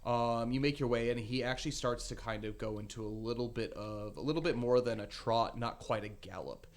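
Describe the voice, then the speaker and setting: A man narrating as game master of a tabletop game, halting with many fillers. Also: medium pitch.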